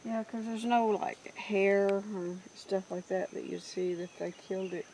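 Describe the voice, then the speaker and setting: A woman's voice: medium pitch, steady tone, a little slow, darkish tone. A middle-aged woman with a Southern US accent chatting casually and playfully as she explores the woods for a vlog. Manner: playful, teasing. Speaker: outdoor vlog co-host. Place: outdoors in woods. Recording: noisy outdoor field recording.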